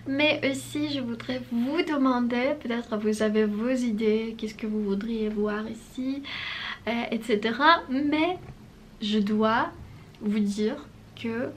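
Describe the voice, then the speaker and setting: High-voiced woman with a non-native accent. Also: slight background noise. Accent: non-native French accent. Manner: hesitant, with many pauses and fillers; deliberately unhurried delivery. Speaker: channel host. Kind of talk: casual talk to viewers.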